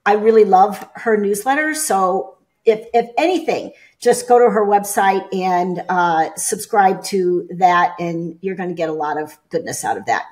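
A woman hosting an interview podcast, chatty and upbeat, often pausing on "uh". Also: medium pitch, a little mellow. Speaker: podcast host. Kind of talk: casual interview.

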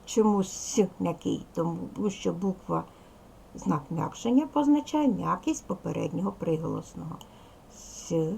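A woman's voice: on the low side, expressive, normal speed, vocal fry, darkish tone, slight background noise. A woman teaching a recorded lesson to young schoolchildren, patient and step by step, counting aloud and speaking to them as little ones. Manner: addresses pupils as little children. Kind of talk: recorded video lesson for second graders.

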